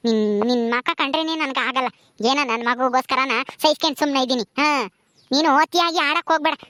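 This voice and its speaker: A woman's voice: high-pitched, fairly bright tone, no echo, clean studio sound. A woman voicing a harsh, suspicious old mother-in-law who scolds and taunts.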